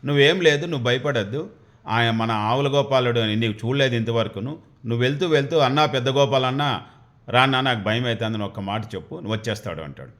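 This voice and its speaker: A man voicing a poor widowed village mother who gently coaxes her son. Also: medium pitch, fast, lightly acted. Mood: coaxing.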